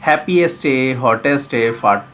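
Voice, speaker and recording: A man teaching an English grammar lesson, explaining slowly and repeating examples. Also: medium pitch, a bit bright, soft background music.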